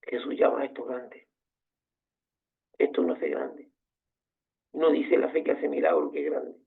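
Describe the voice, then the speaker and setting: A man's voice: medium pitch, big pitch swings, a little slow, creaky. A man preaching a sermon as pastor, passionate and full of rhetorical questions. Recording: tinny phone-like sound.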